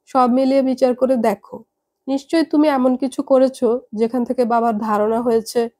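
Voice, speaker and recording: A woman voicing a calm young adult daughter who reasons patiently with her parents. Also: high voice, moderate pace, lightly acted. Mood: patient, reasoning.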